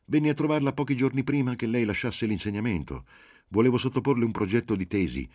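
Reserved, polite young man, voiced by a male narrator; deep, dry and close. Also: animated, normal speed, darkish tone, no echo.

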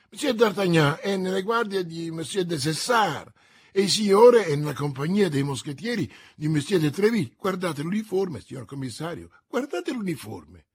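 Man doing a shrill, panicky prisoner. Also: a little mellow, breathy edge, dry recording, clean studio sound. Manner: pleading, panicky, shrill outbursts. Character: frantic, whining middle-aged male shopkeeper prisoner.

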